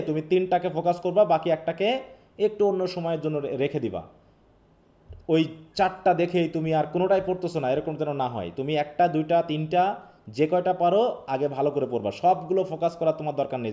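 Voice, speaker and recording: Bangladeshi male tutor, quick patient explanations, rather high, mellow voice. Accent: Bangladeshi Bengali. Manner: explains patiently, asks checking questions. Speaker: English teacher. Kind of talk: online live revision class.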